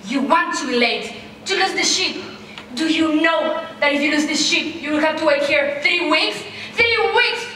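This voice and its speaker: On a very echoey theater stage, picked up by a distant camera mic with faint noise, a woman's high, pushed, bright voice plays a scolding, overbearing mother of adult children in a comic play. At normal speed she's bossy and theatrical, hammering points with emphatic repetition.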